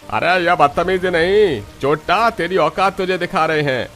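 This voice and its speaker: A man voicing a bullying neighbor who jeers roughly and accuses loudly. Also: on the high side, moderate pace, soft background music, lightly acted. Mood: hostile. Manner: rough, jeering.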